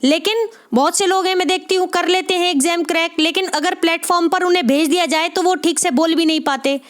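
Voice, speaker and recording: A woman's voice: extremely high pitch, fairly even intonation. A woman tutor giving a spoken exam-prep lesson, encouraging her students and checking "okay?" after nearly every phrase. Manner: spells out sounds slowly one by one. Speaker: Hindi literature exam tutor.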